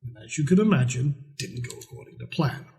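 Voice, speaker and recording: A middle-aged man from Scotland, presenting a trading course in a conversational sales pitch, chatty and blunt with mild swearing. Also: animated, fairly quick, dark tone.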